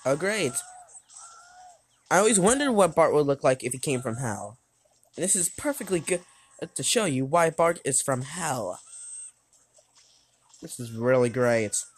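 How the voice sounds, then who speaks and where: Low-voiced rambling woman reviewing a game. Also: sing-song, measured pace, pauses often, husky. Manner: rambling, hesitant, often restarts and corrects herself; talks loudly over game music at times. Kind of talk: gameplay commentary.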